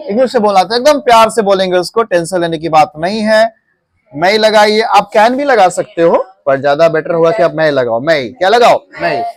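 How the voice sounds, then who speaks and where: High-voiced man teaching a class. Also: a little fast, no room sound. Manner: coaxing, repeats questions to the class. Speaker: English teacher.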